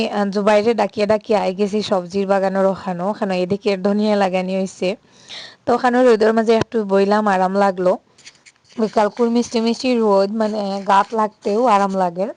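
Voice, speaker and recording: A woman's voice: medium pitch, darkish tone, no room sound. Chatty Sylheti woman vlogger, dry sound. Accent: Sylheti Bengali. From Sylhet, Bangladesh. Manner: chatty, unhurried, frequent "ah" fillers. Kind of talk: casual vlog narration.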